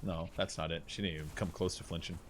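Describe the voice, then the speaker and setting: A man's voice: low voice, steady tone, fast, a little hiss or hum. A man in his forties who streams games, chatting casually in a rambling, jokey way and laughing often. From United States. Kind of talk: casual chat while gaming.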